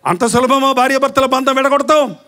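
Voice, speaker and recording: High-voiced animated preacher man. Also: brisk. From India. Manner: animated preaching with mimicked quarrels and rhetorical questions. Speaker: pastor. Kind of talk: sermon.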